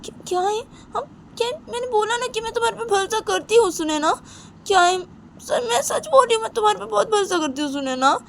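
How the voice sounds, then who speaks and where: A woman's voice: sits high, steady tone, normal speed, gravelly, long pauses, a little mellow, slight background noise, voice pushed up. A woman voicing an anxious young woman who pleads insistently to be believed. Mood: crying.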